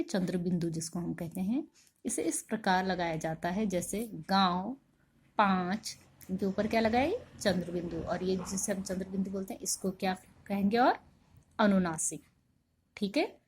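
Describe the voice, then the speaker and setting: A woman teaching a Hindi grammar lesson, who asks her students questions and answers them herself and says each example sound slowly and carefully. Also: medium pitch, darkish tone, slightly rough. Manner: slow, deliberate pronunciation of sounds and examples.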